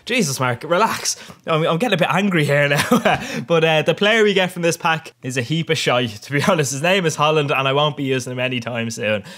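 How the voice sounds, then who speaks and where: A man's voice: a little high, brisk, fairly bright tone. Cheeky young man, gameplay commentary. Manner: cheeky, crude, laughs often at his own jokes. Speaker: gaming YouTuber.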